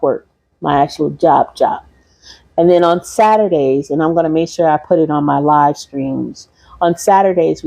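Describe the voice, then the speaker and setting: Low, gravelly, and husky yet warm, this woman's voice comes through a rough recording with no echo. She's a holistic practitioner from Michigan, loosely wrapping up a livestream class for viewers, rambling and repeating herself.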